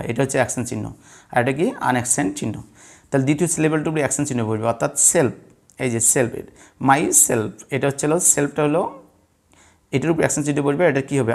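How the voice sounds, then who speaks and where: A man's voice: mid-range voice, creaky, darkish tone. A man teaching an English pronunciation lesson to students, patiently repeating rules and answering his own questions. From Bangladesh. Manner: patient, repetitive, asks students questions and answers them himself. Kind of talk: blackboard lesson explaining word stress.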